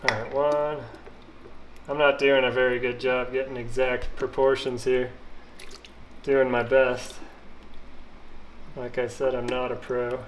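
Kitchen clatter and clinking dishes fill the background as a middle-aged man demonstrates a recipe at home, calmly talking through every step as he goes. A home cook vlogger, he speaks in a mid-range voice at a measured pace, pausing often.

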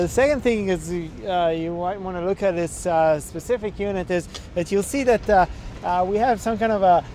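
A young man explains equipment in an instructional walkthrough, his voice sitting a little high. He halts often with fillers and restarts. He is recorded outdoors on a rooftop with a faint hum of the surroundings behind him. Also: darkish tone. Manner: hesitant, many filler sounds and restarts. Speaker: energy auditor instructor.

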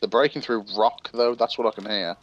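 Give me a man on a shared game stream, talking casually. He answers briefly and matter-of-factly in a plain mid-pitched voice. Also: steady tone, a little fast, lo-fi sound. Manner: matter-of-fact, brief replies. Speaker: co-op game partner. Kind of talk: casual let's-play chat.

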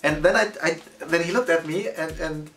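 A man in his thirties speaks animatedly to the camera in a studio, his voice sitting a little high. The mic is set back from him, and soft music plays underneath. He sounds casual and chatty, like a vlogger. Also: normal speed, gravelly, distant mic. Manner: animated, gesturing with both hands. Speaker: photography vlogger. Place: indoor studio against a plain backdrop.

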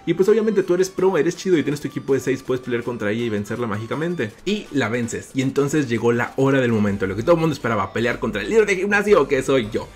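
Playful Mexican man, animated gaming vlogger. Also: quick pace, few pauses, soft background music. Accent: Mexican Spanish. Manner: animated, playful, big pitch jumps, calls viewers "little ones". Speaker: gaming YouTuber host. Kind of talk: playful imaginative vlog narration.

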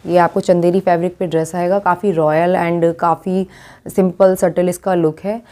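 Woman, low mellow voice, boutique product showcase presenter. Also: level tone, moderate pace. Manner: describes garments while showing them.

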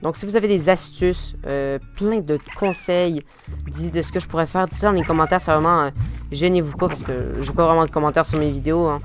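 A man with a Quebec French accent giving casual let's-play commentary, full of fillers and restarts, with sudden excited outbursts. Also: on the high side, fairly quick, soft background music. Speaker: gaming video host.

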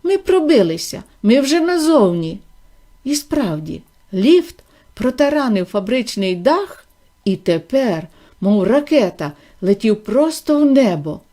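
A woman reading a children's novel aloud in a steady storytelling manner. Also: mid-range voice. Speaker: narrator.

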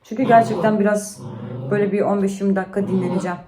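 A woman's voice: medium pitch, steady tone, rapid-fire. A woman and mother talking casually to camera in a home vlog, sounding tired as she vents about her day. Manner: chatty, tired and venting. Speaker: vlogger and mother. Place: at home indoors. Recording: echoey room, faint noise.

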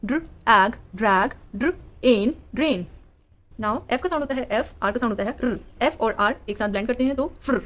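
A woman with an Indian accent teaching phonics to children, sounding out each word part by part before saying it whole. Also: on the high side. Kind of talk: phonics lesson for kids.

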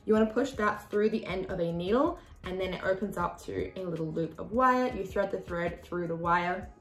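An Australian woman in her 20s, with a lowish voice at a moderate pace, chats to camera while hosting a sewing tutorial. She sits at a desk with a sewing machine in a small, reverberant room, gesturing expressively with her hands.

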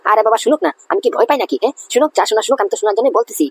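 A woman's voice: on the high side, rapid-fire, breathy edge. A woman voicing a quarrelsome, hot-tempered grown-up son in a cartoon. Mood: angry. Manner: quarrelsome, blustering.

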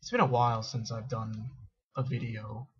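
This young adult vlogger talks to his webcam from a dim dorm room, casual and rambling, with frequent fillers and self-deprecating asides. His medium-pitched voice barely moves in pitch, has a fairly bright tone with a breathy edge, and comes at a normal speed. The built-in webcam mic gives it a lo-fi sound.

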